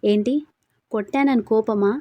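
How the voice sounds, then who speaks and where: A woman voicing a teasing, stubborn young husband who talks loudly and presses his point. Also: medium pitch, steady tone, measured pace, no echo, lightly acted. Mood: pleading.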